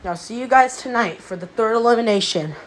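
A woman's voice: fairly high pitch, fairly quick, close to an everyday voice. A woman voicing a bossy object who hosts a homemade cartoon contest, announcing challenges and results. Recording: noisy home recording.

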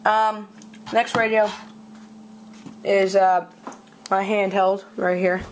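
Here a video host does a relaxed handheld show-and-tell of a collection from a home desk, pausing often and repeatedly coughing or clearing their throat. Their medium-pitched voice holds a level tone, and the built-in camera mic captures noisy audio dotted with clicks.

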